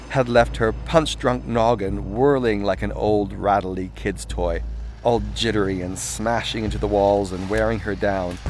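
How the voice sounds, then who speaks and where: Reading his own irreverent self-help audiobook, this man has a low-leaning voice, and there's a little hiss or hum in the audio. He performs it in a cheeky, theatrical, chatty way, dropping in sweary asides. His voice sits over background music and a composed soundscape.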